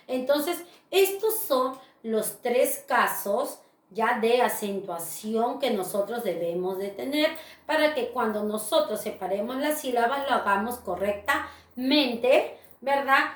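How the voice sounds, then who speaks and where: A woman teacher talks slowly and patiently, with a somewhat high voice. She checks in with her listeners often as she explains. She sounds set back from the mic in an echoey room. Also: recorded from a distance. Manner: slow, patient explaining with frequent "¿verdad?" tags. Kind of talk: recorded grammar lesson.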